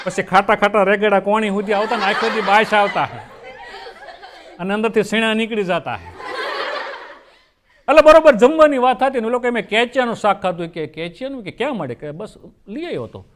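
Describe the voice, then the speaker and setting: A man's voice: sits high, a little fast. A man telling folksy comic stories on stage and acting out his characters' lines. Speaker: folk comedian. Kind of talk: stage comedy storytelling.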